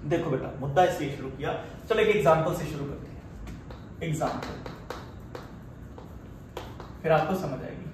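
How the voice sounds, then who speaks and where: A man's voice: fairly high pitch, normal speed, long pauses. A man with an Indian accent giving a physics lecture, mixing Hindi and English and asking and answering his own questions. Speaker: physics teacher. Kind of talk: classroom lecture. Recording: roomy, far from the mic, faint hiss.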